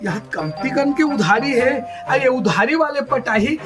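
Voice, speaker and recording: A man's voice: very high-pitched, lively intonation, unhurried, over music. A man playing an exasperated village shop servant in a comedy skit, grumbling and repeating himself in a Chhattisgarhi accent. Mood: weary, grumbling. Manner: grumbling, repetitive, dismissive. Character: exasperated male village shop servant minding credit accounts.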